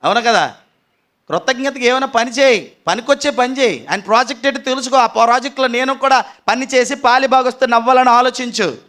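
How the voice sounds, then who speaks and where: A man preaching a sermon at a youth seminar, firing rhetorical questions and urging the crowd to answer loudly. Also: extremely high pitch, a little fast. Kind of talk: lively Telugu sermon.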